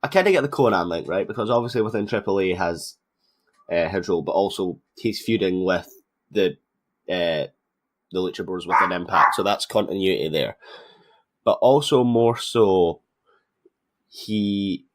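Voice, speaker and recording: A man's voice: deep voice, normal speed, long pauses. A man hosting a wrestling podcast, chatting in a conversational, analytical way. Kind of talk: casual wrestling commentary chat.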